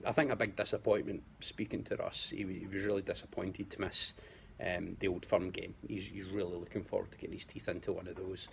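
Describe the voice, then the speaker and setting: A Scottish man talks football as a guest, measured and unhurried, often restarting his sentences. His voice sits very low, with a gravelly crackle at the bottom. There is a faint hiss behind him. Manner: measured, repeats words while finding his point. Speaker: guest pundit. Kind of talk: casual football chat.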